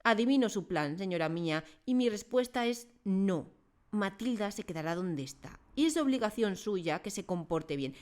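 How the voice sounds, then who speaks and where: A woman voicing a huge, brutal headmistress who rages, raised and loud, in a storybook reading. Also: medium pitch, lively intonation, normal speed, pitched above the performer's own voice, natural voice. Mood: furious. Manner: loud, raging, contemptuous.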